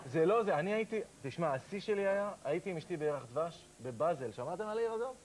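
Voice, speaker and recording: High-voiced man telling a comic story. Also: rough recording. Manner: animated, self-mocking, acts out scenes. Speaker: comedian guest. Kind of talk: comic storytelling on a talk show.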